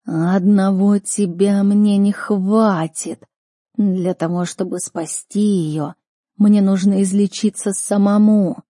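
A woman voicing an exhausted male magical predator beast that speaks quietly and slowly in an audiobook. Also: mid-range voice, fairly even intonation, no room sound, studio quality. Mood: weak, urgent. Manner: slow, quiet and strained. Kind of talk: audiobook character voice.

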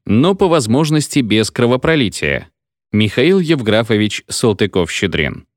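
A man narrating a short story in an expressive, theatrical audiobook reading. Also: mid-range voice, dry recording, clean studio sound. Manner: theatrical, animated.

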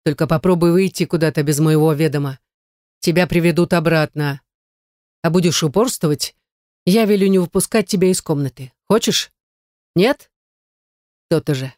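A reader playing a stern, domineering husband who talks in firm, clipped commands. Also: male voice, fairly high pitch, moderate pace, pauses often, a little mellow, no echo, clean studio sound, close to an everyday voice.

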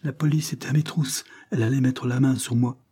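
A man's voice: medium pitch, fairly even intonation, a little fast, warm tone, slightly rough, pitched above the performer's own voice, close to an everyday voice. A man reading aloud voices a frightened young man on the run, pleading desperately.

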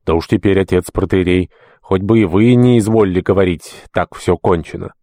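A man's voice: sits low, moderate pace, dark tone, no room sound, clean studio sound. A man voicing an impulsive, emotional deacon in his fifties, raising his voice in heated, contrite pleading. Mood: earnest pleading. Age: 50s. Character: big emotional middle-aged male deacon, impulsive. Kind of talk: audiobook character voice.

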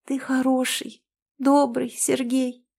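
A woman's voice: mid-range voice, steady tone, normal speed, warm tone, natural voice. Tearful young ghost girl, as a woman puts her on. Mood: tender tearful. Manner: sobbing, reproachful.

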